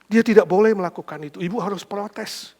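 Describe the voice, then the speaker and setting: A man's voice: sits high, a little fast, a little mellow. A man voicing a sympathetic-sounding, coaxing middle-aged man in a sermon anecdote. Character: smooth-talking hypocritical middle-aged man.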